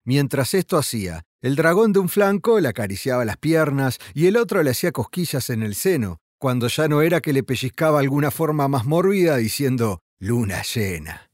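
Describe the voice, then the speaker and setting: A man narrating an audiobook in a dramatic, expressive reading. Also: a little high, a little fast, hardly any pauses, no room sound, studio quality.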